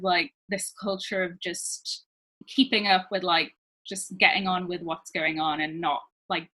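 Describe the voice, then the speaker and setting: A woman coach talks casually as a podcast guest, her voice bright and forward. She grew up in France and Switzerland with British parents, and fills her talk with "like". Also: mid-range voice. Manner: chatty, many fillers like "like". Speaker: guest, love and relationship coach. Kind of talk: casual interview chat.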